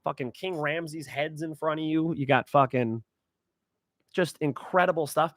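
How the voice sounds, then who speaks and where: A young man hosting a fight predictions show, talking in a rambling, excitable way and swearing freely. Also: on the high side, unhurried, no echo, studio quality. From California. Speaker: host.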